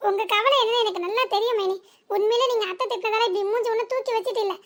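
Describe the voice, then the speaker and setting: Cartoon: a woman as a giggly, sharp-tongued young village woman with a southern Tamil Nadu accent and a very high voice. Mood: knowing. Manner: mocking, quick-witted, giggly. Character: teasing young village woman, playful joker. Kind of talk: village cartoon comedy dialogue.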